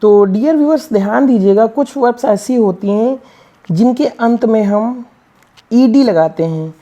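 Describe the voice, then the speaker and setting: This reading lesson comes from a woman whose voice is on the high side yet dark in tone, moving a little slowly. She teaches English by spelling out words one letter at a time and asking questions she answers herself.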